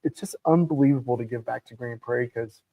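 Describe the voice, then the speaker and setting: A man's voice: medium pitch, fast, dark tone, no room sound. A man co-hosting a local morning talk show, chatting easily and saying "y'all" and "um" a lot. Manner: easygoing, chatty, says y'all and um often. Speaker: co-host. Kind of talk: casual chat.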